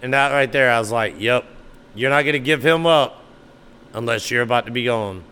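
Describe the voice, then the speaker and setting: Bright-voiced animated sports podcast man. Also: mid-range voice, moderate pace, clear, resonant tone. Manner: animated, mock-arguing with imagined listeners. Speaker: podcast host. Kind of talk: solo sports talk podcast.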